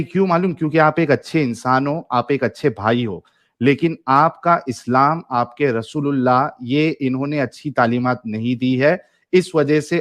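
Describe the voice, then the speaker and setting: A man runs a heated live debate in a mid-range voice. He is insistent and keeps cutting in over the other speaker, repeating the same point until he gets an answer. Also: medium pitch. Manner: insistent, repeats himself, talks over the caller. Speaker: debate show host.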